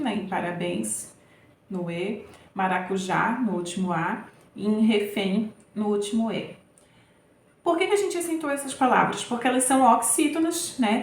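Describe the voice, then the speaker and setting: Woman, teacher, patient, explaining exercises, fairly high voice, echoey room. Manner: patient, checks in often with "né?" and "tá?". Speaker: Portuguese teacher.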